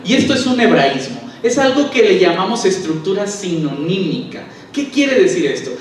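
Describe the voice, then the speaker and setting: A male pastor gives a sermon in a high, bright voice. He explains scripture and often asks his listeners rhetorical questions. He is heard from a distance in a strongly echoing church hall. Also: slight background noise. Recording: echoey church hall from far off.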